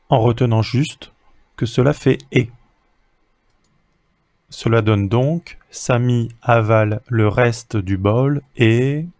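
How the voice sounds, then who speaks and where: A man's voice: mid-range voice, darkish tone, no echo. A man giving a patient reading lesson for young children, sounding out letters and syllables one at a time.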